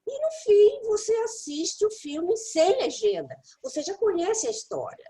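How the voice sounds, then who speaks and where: Speaking straight to her audience with playful energy, a female English teacher offers practical study advice as a mentor. Her high-pitched voice ranges widely and animatedly, her delivery is unhurried, and the recording is rough.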